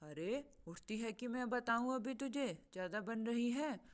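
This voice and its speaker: A woman's voice: a little high, animated, a little slow. A woman voicing a harsh, bossy mother-in-law bird in a cartoon. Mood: scolding. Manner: bossy, scolding.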